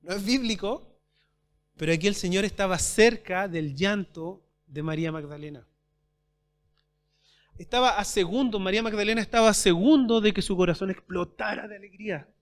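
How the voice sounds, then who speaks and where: A man with a high voice speaks at a moderate pace as he preaches to his church congregation, addressing them as brothers. He asks them rhetorical questions and swings from loud to soft.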